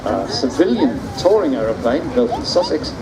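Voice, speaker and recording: A man giving live, explanatory airshow commentary in short phrases with drawn-out pauses. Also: medium pitch, big pitch swings, poor audio. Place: outdoor seafront airshow, heard over loudspeakers. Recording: outdoor public address, loud crowd and engine noise. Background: crowd and aircraft noise.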